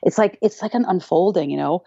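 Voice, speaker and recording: A woman dance teacher talking in a podcast interview, animated and playful, acting out little voices and laughing often. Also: lowish voice, a little fast, creaky, dry recording. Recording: dull lo-fi sound.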